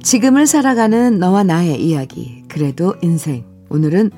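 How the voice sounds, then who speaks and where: Woman radio DJ, calm and unhurried, reading listener stories over quiet music. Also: lowish voice. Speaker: radio host. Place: radio studio.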